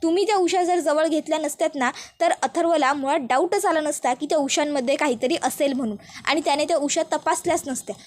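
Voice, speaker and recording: A scheming young man barking blame and orders, as a woman storyteller reads his lines. The voice stays high. The delivery is flat and commanding. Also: fast, hardly any pauses, natural voice. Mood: accusing. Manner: blaming, commanding. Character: scheming angry young man plotting a killing.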